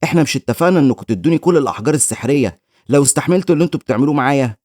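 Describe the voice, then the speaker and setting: A patient, bullied teenage boy mage speaks plainly, as an Egyptian male narrator reads him. The delivery is quick and close-miked. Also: on the high side, expressive, darkish tone, no echo. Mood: earnest. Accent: Egyptian Arabic.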